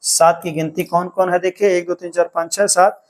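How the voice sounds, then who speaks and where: A man's voice: sits high, level tone, normal speed. A man teaching an exam-prep grammar lesson, explaining step by step and repeating key counts and sounds aloud.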